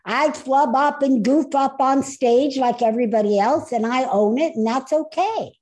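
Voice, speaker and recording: A woman hosting a podcast on speaking, telling a personal story with animated, emphatic delivery. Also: sits high, moderate pace. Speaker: podcast host and speaker coach.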